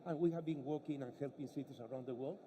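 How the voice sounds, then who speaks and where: A man presenting his foundation on a panel in a formal, measured way. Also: mid-range voice, mellow, a little hiss or hum. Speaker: foundation president. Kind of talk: panel remarks.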